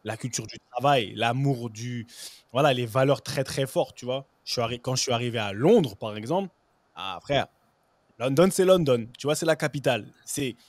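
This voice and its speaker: A man, a former pro footballer, guest on a casual chat show, telling lively anecdotes full of "you know" fillers and stray English words. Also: mid-range voice, normal speed, no room sound.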